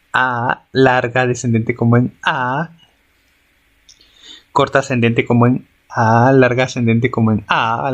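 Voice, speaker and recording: Male teacher reading grammar notes aloud, halting and restarting as he sounds out examples. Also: mid-range voice.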